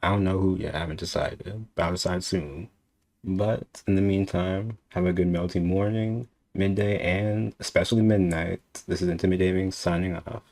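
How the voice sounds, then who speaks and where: A man hosting a casual interview podcast, thanking guests and signing off in a relaxed, friendly way. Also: deep voice, moderate pace. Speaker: podcast host.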